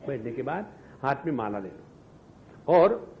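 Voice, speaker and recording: A man giving a scripture discourse as a spiritual teacher, animated, asking rhetorical questions and chanting mantras. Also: mid-range voice, slow, highs cut off.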